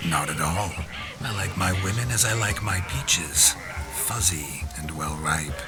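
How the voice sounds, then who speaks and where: Game role, cocky, flirtatious monster hunter. Deep voice, theatrical swagger, music underneath. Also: male voice, measured pace. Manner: smug, theatrical, teasing. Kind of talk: video game voice acting. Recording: music behind the voice.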